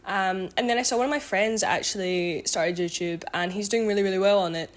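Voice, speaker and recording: In this chatty catch-up vlog, a twenty-year-old woman who is also a student talks to her viewers in a mid-range voice, and her pace is brisk. Ums and likes pepper her rambling, and she keeps correcting herself mid-thought.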